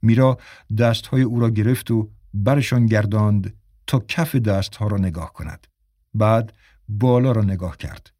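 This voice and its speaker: A man's voice: fairly low pitch, mellow, no echo, clean studio sound. Man narrating a story evenly. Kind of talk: scripted audiobook narration.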